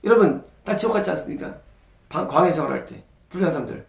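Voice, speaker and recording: A man's voice: fairly high pitch, lively intonation, fast, gravelly, echoey room. A male pastor preaching a sermon, asking rhetorical questions and answering them with emphasis. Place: church sanctuary.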